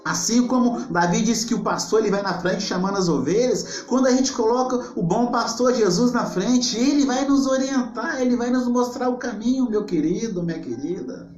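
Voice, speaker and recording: A man preaching a sermon as a pastor, earnest and repetitive, dropping low and soft when he quotes scripture. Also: moderate pace, hardly any pauses, roomy sound, muffled recording, faint music behind.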